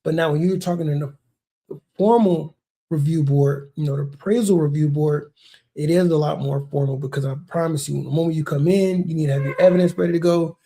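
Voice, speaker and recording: A man's voice: on the high side, steady tone, brisk, gravelly, warm tone. A man, a realtor hosting his own video, explaining a process in a loose, conversational way, often repeating words and saying "man" and "bro.". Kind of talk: casual explainer talk. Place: lives near a large Texas city.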